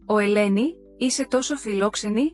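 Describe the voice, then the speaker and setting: A woman's voice: mid-range voice, darkish tone, faint music behind, natural voice. A woman voicing a smug, freeloading sister-in-law who brushes off the complaints in a breezy, dismissive way.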